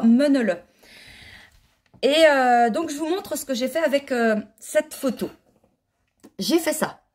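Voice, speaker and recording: A woman talking casually from her sofa at home, her voice sitting a little high. She rambles, stops and restarts her sentences, and hesitates often as she chats. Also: darkish tone. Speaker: knitting vlogger and yarn dyer. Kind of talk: casual chat. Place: home living room, on the sofa.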